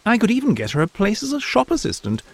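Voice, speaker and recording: Professor Higgins, as a man voices him lively and superior. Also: high voice, quick pace, gravelly, pitched above the performer's own voice, heavily acted. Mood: self-assured. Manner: confident, lecturing, condescending. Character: self-assured male phonetics professor, brisk and superior. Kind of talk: audiobook reading.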